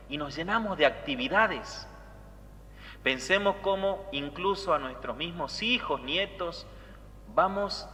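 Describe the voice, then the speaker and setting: A priest preaches in a clear, bright voice that rings out into long cathedral reverb. He talks to the congregation in a loose, conversational way and keeps checking in with a questioning tag, and a faint hiss sits under it all. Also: fairly high pitch. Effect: cathedral echo. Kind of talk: homily. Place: large church.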